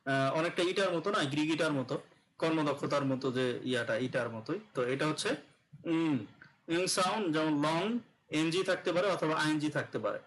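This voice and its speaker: A male teacher giving an online pronunciation class, explaining slowly and repeating each sound several times with many fillers. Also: on the high side, a bit bright, slight background noise, rough recording.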